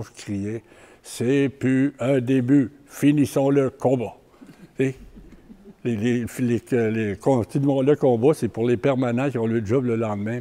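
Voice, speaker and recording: Older man, Québécois accent, community talk; stop-start, repeats himself, warm low-key timbre. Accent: Québécois French. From Quebec. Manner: halting, repeats words, plain-spoken. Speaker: community organizer giving a talk. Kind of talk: public talk with personal stories.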